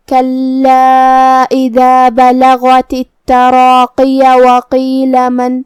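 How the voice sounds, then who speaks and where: A woman with a Pakistani Urdu accent calmly explaining Quran recitation rules step by step in a tajweed lesson. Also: sits high, no room sound.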